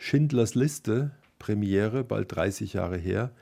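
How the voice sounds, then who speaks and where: A man's voice: on the low side, slow, vocal fry, dark tone. A man hosting a radio interview, asking polished questions and reading scripted links from a studio.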